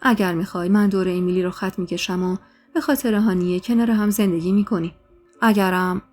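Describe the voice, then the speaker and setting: A woman's voice: medium pitch, darkish tone, soft background music, lightly acted. A woman voicing a young husband who is evasive and pleading in a spoken story. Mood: apologetic. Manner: placating, pleading.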